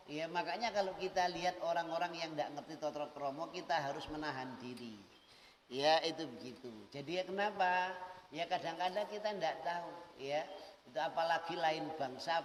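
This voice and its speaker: A middle-aged man with an East Javanese accent gives a sermon in a slightly high voice, explaining Arabic lines word by word in a folksy way. The sound bounces around a long, reverberant hall. He sits some way from the mic. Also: slight background noise. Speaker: religious teacher. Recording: echoey hall, voice from far off.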